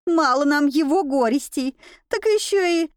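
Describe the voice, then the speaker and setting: Woman doing a shrill, wailing servant girl. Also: animated, a little slow, no echo, studio quality. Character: frightened superstitious young female servant girl.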